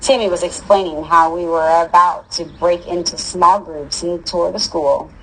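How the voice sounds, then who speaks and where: A woman's voice: fairly low pitch, fairly even intonation, unhurried, a bit bright, slightly rough, low-quality recording. A woman reading a first-person story aloud in a casual, wry manner. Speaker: audiobook reader.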